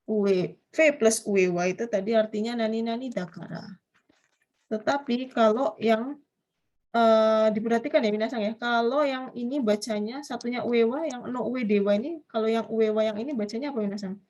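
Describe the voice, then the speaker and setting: A woman's voice: fairly high pitch, normal speed, darkish tone, muffled recording. A woman with an Indonesian accent teaching a Japanese grammar class online, explaining step by step and often putting questions to her students.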